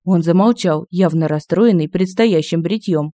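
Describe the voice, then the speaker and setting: A man narrating an audiobook in a lively, expressive reading. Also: fairly high pitch, normal speed, dry recording, clean studio sound.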